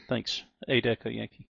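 Gravelly male pilot over headset radio. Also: mid-range voice, a little slow, no room sound. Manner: relaxed, hesitant readbacks with fillers. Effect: pilot headset radio transmission. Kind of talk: radio calls to air traffic control. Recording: muffled radio audio, dry.

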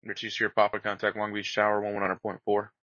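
A man's voice: fairly low pitch, monotone, fast talker, fairly bright tone, no room sound. A man giving clipped, procedural air traffic control instructions over radio in a flight simulation. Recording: dry, dull band-limited radio audio.

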